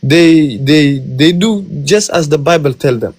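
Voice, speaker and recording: Guy born in ethiopia, keeps restarting words, bit high voice, dry sound. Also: darkish tone, slightly rough, no room sound, rough recording. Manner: halting, repeats words when interrupted. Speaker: caller. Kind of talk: debate.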